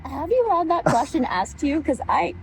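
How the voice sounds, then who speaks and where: A woman's voice: sits high, animated, moderate pace, low-quality recording. A woman chatting casually and laughing often, recorded outdoors in a park. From United States. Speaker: guest, voice actress. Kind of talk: casual chat. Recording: outdoor recording with clear background noise and traffic.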